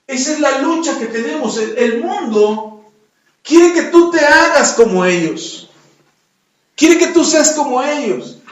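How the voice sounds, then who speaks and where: A man preaching a sermon and telling a fable, repeating phrases with emphasis. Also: very high-pitched. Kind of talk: sermon with storytelling. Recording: roomy echo, distant, dull lo-fi.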